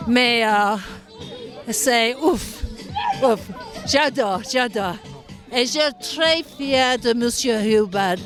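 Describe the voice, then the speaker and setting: A woman with a foreign accent in French, speaking in halting, simple phrases in an informal interview. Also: a little high. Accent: foreign, non-native French. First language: not French. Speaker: interviewed supporter of a children's village. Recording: loud music and crowd behind.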